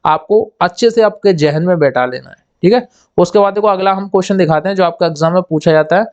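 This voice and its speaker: A male exam coach with a high, darkish voice explains memory tricks quickly. He repeats himself, quizzes and answers himself, and acts out little scenes in quoted voices. The audio is lo-fi and slightly dull.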